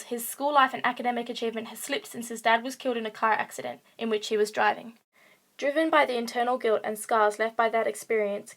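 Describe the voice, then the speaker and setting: A woman podcast host reads aloud from a prepared, scripted essay analyzing fiction, covering film and books. Her voice is a little high with a fairly bright tone.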